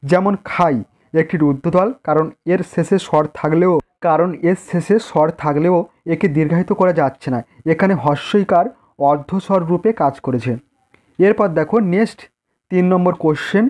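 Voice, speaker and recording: A man's voice: fairly high pitch, a little mellow. A man with a Bengali accent teaching an exam-prep lesson, reading out answers point by point and repeating key phrases for students. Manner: dictating, repeats phrases, stresses key terms.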